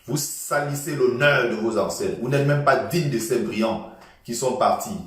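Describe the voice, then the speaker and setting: A man's voice: medium pitch, moderate pace, a bit bright, recorded from a distance. Passionate man lecturing in an echoey room. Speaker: political commentator. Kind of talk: impassioned political monologue.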